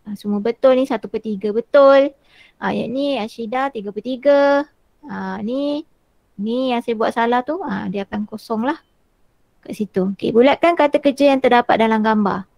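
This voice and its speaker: A woman teacher, demonstrating a tool in an online workshop and filling pauses with "ah" over a video call. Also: a little high, creaky, darkish tone, no echo. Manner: chatty, frequent "ah" fillers while walking through screens.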